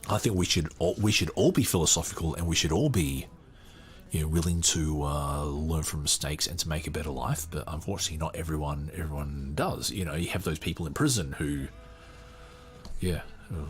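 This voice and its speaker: Speaking in a bass voice, this man hosts a podcast and comments casually and spontaneously, stopping and starting and often mumbling to himself.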